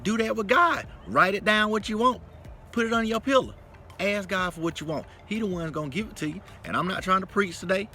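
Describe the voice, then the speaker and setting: A man's voice: high-pitched, brisk, slight background noise. A man from North Carolina, giving a folksy, emphatic motivational talk to his viewers. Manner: preachy, folksy, animated and emphatic. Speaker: motivational vlogger.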